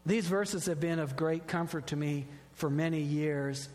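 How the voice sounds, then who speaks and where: Middle-aged male pastor, slightly raised pitch, earnest sermon delivery, long church reverb. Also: unhurried. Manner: earnest, warm preaching with personal stories. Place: church sanctuary.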